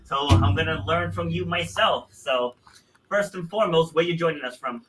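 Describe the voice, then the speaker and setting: A man's voice: a little high, normal speed, over music. A man hosting a podcast, chatty and casual, often correcting himself and laughing at his own slips. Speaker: podcast host. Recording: distant from the mic.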